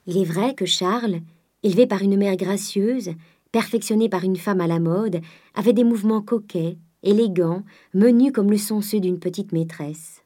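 A woman with a medium-pitched voice narrates a classic novel as a scripted audiobook. Her reading is measured and sometimes drops to a soft near-whisper.

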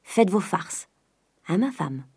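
A woman voicing a miserly old man who is by turns gruff and wheedling, with a lower voice and shifting pace. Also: sing-song, slow pace, darkish tone, dry recording, clean studio sound, exaggerated voice. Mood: coaxing, gruff.

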